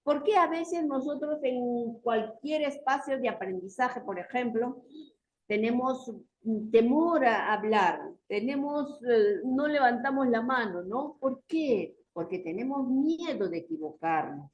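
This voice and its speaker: A woman's voice: fairly high pitch, animated, unhurried, low-quality recording. A woman teacher leading a class discussion, explaining points with rhetorical questions and frequent tag questions. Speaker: university teacher.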